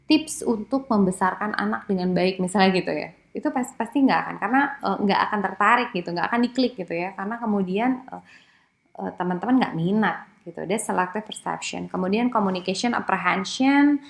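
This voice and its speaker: Woman, casual lecturer, loose and chatty, mixes in English words, acts out quotes in a higher voice. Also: a little fast, vocal fry. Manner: casual, with frequent fillers and English terms; acts out quoted speech in a raised voice. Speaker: psychology lecturer. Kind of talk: online lecture.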